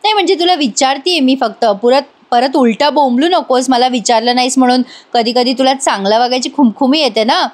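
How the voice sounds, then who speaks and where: A stubborn young wife from a serial recap, quick with a teasing retort, as a woman narrator plays her. The voice sits high and pointed. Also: lightly acted. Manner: teasing, argumentative.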